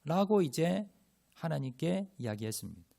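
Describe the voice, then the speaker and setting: Male pastor preaching in church, dark gravelly voice, earnest storytelling w lots of fillers. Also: a little high, big pitch swings, moderate pace. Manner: earnest, with many fillers and rising emotional emphasis. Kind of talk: sermon storytelling. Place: church sanctuary.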